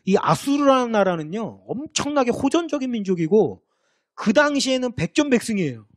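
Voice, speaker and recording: A man's voice: extremely high pitch, a little fast, dry recording, studio quality. A man preaching a sermon as pastor, talking to the congregation in a conversational, storytelling way and acting out the people in the story. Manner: conversational, lively storytelling with acted quotes.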